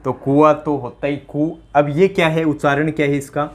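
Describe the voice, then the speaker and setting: A man's voice: a little high, flat delivery, moderate pace. A male teacher giving a pronunciation lesson, drilling students with repeated questions. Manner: drills with repeated questions, mimics rural dialect speakers for laughs.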